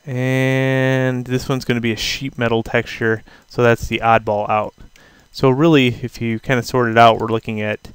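A man teaching a software tutorial over a screen recording, talking casually and thinking aloud with fillers. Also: medium pitch, little pitch movement, normal speed, hardly any pauses, clear, resonant tone, no echo. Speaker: instructor.

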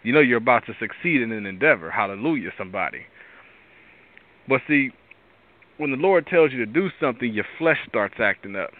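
Raspy, tired man on a phone-like line. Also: mid-range voice, animated, fairly quick. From Pittsburgh area. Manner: rambling, restarts often, preachy asides. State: tired from lack of sleep. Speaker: host. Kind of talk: casual devotional talk. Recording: tinny phone-line sound.

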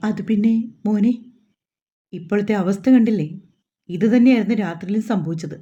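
Woman narrator voicing a furious young man, husky and dark, in a dull storybook recording. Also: medium pitch, brisk, natural voice. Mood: angry. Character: hot-tempered young man, cursing and shouting.

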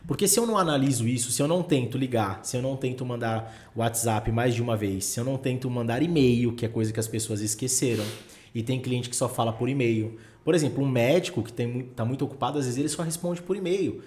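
A man's voice: medium pitch, fast, a little mellow. A man hosting a podcast, giving practical advice in a coaching tone and stacking rhetorical questions. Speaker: podcast host. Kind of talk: casual podcast chat.

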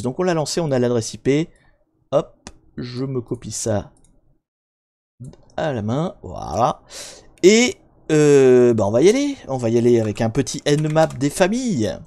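A man's voice: medium pitch, darkish tone. A man hosting a hacking live stream, talking casually and rambling, with lots of fillers and restarts, and joking directly with his viewers. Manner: jokey, talks directly to viewers.

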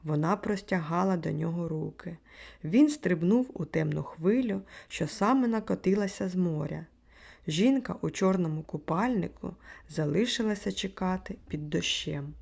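Female audiobook narrator, low and grainy, acts out the dialogue. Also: vocal fry, a little mellow. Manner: acts out the dialogue, raising pitch for quoted lines.

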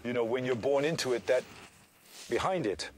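Man, cheesemaker type, halting casual talk on location with faint background noise. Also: medium pitch, lively intonation. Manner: hesitant, trailing off. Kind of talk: casual explanation on a tour. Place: vaulted stone tunnels of an old fort.

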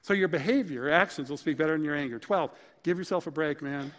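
Lively preaching man in a reverberant church. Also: a little high, brisk. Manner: lively, punchy delivery of numbered points. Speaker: pastor. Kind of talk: sermon. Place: church sanctuary.

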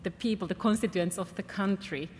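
A woman's voice: mid-range voice, a little fast, a little mellow, slight background noise. A woman from Finland answering a question on a conference panel, earnest and often repeating words as she thinks, speaking into a table microphone in a large hall. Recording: reverberant hall, faint ambience.

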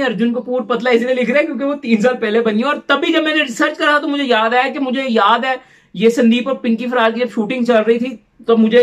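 A man's voice: extremely high pitch, a bit bright. A man from Pakistan hosting a reaction channel, chatting casually and rambling as he drops English phrases into his talk. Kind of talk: casual chat reacting to a film trailer.

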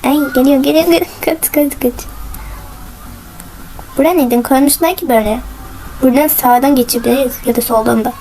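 A young woman giving casual gameplay commentary as a channel host, excited, giggly, cheering herself on. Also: high voice, brisk, long pauses, a little hiss or hum, poor audio.

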